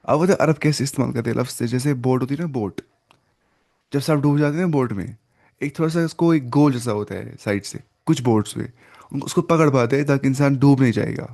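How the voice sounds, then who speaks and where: A man teaching a Quran lesson in Urdu, explaining word meanings step by step, asking and answering his own questions, slipping in English words and reciting Arabic phrases slowly. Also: mid-range voice, vocal fry, a little mellow.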